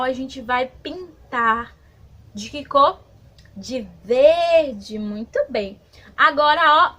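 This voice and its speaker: Woman, brazilian accent, preschool teacher, high voice, drawn-out words for kids. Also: bright, forceful tone. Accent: Brazilian Portuguese. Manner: slow, drawn-out words for small children. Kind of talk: online lesson for young children.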